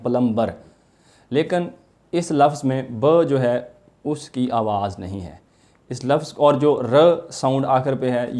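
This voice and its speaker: A man teaching English pronunciation in an Urdu lecture, slowly drawing out each word he models. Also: mid-range voice, dark tone. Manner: slow, drawn-out model pronunciations of words.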